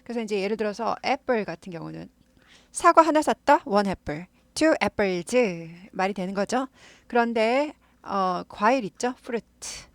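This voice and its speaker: A woman gives an English lesson, explaining each phrase patiently and saying words again and again at a slow, deliberate pace so learners can copy the sound. Her voice is dry and close, with no room sound around it. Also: mid-range voice, no room sound. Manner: patient, repeats words slowly to model pronunciation. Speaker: English teacher.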